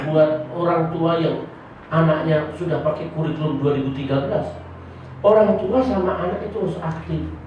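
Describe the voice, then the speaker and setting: A male pastor preaching a sermon to his congregation, jumping into loud high bursts and making humorous asides. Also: lo-fi sound. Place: church service held in a hotel hall. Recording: echoey hall, distant mic, noisy.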